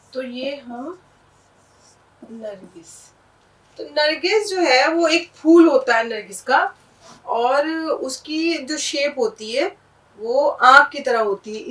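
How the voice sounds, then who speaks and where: A woman with a high voice teaches a language lesson, patiently spelling each word letter by letter and repeating it. She sounds distant from the mic. The room around her is echoey. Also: fairly bright tone. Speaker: Urdu teacher.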